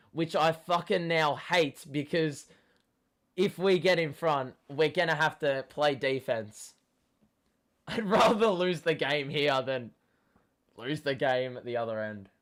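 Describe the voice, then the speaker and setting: Hosting a live basketball watchalong, this young man curses frequently and shouts whenever a big play happens. His voice sits on the high side and turns hoarse, cracking as he goes.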